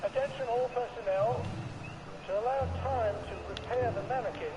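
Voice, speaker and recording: A man voicing a stiff male announcer who reads formal orders to all staff over a loudspeaker. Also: very high voice, normal speed. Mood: officious. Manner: formal, clipped, bureaucratic. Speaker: public address announcer. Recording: distant speaker over loud background noise.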